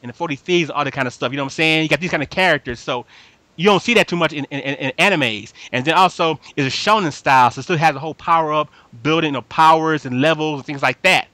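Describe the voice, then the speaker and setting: A fast-talking anime podcast host with a fairly high, forceful voice chats casually with fans. He leans on slang and emphasis, circles back over his points and repeatedly checks he's being understood. The sound is dry, with barely any room.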